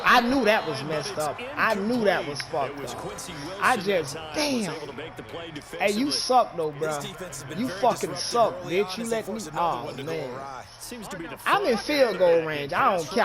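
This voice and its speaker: A man's voice: sits high, very animated, unhurried. A man streaming a football video game, cursing and trash-talking his opponent as he plays. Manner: profane, rowdy, shouts and jeers at his opponent. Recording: loud stadium crowd noise from the game.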